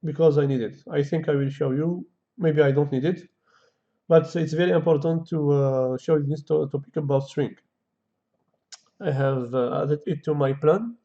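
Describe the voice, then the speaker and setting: Here a programming tutor, a man with a gravelly yet mellow voice pitched somewhat high, talks through a relaxed screen-recorded coding lesson with fairly even intonation. Kabyle or Arabic is his first language, so his English comes out halting, with lots of thinking aloud and fillers. It was recorded at home, sounding dull and lo-fi.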